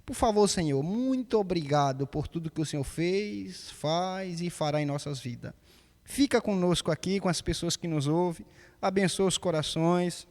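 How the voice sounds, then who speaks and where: A man's voice: high-pitched, moderate pace, a little mellow. Earnest man praying with long reverb. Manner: solemn and earnest. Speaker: prayer leader. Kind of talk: spoken prayer.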